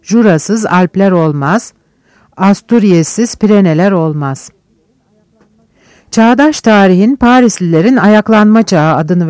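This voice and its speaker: A man narrating a classic novel as an audiobook, reading in a measured, declamatory way with short phrases. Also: high voice, darkish tone, dry recording. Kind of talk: scripted literary narration.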